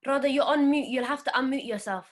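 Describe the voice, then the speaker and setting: Higher-voiced woman moderating a panel. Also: fast talker.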